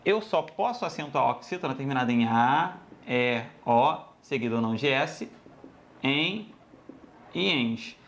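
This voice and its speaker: In a mid-range voice and at a slightly slow pace, a man gives a spirited grammar lesson, chatting casually with the students he calls "galera." Each rule gets repeated.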